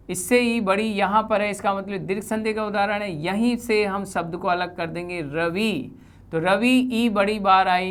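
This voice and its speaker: A woman teaching Hindi grammar, explaining deliberately and repeating key terms while pointing to examples on a board. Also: medium pitch, a bit bright.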